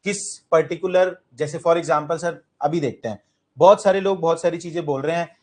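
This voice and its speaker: A man's voice: on the high side, moderate pace, darkish tone. A man with an Indian accent giving an orientation talk to exam students in a classroom, mixing Hindi and English and asking the class questions. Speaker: UPSC coaching teacher.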